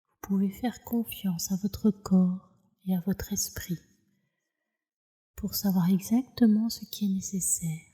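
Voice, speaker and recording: As a yoga nidra teacher, a woman guides a relaxation meditation softly and soothingly, in a measured way, with her phrases ending breathily. Her pitch is medium and her intonation fairly even.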